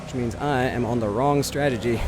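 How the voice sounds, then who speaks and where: A man's voice: medium pitch, fairly quick. A man giving casual commentary as he drives in a racing sim, muttering self-critically to himself. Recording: loud race car engine noise. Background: racing engines of a driving game.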